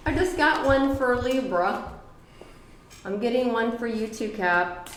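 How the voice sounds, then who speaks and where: A woman's voice: on the high side, expressive, unhurried, reverberant, a little hiss or hum, rough recording. A middle-aged woman giving a casual tarot reading, blunt and profane, with emphatic repetitions. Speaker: tarot reader.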